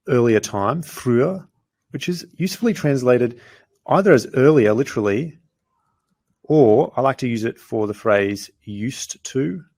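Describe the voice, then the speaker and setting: A man with a mid-range, darkish voice teaches a grammar lesson. He explains each example sentence patiently, easing his pace to articulate the foreign phrases.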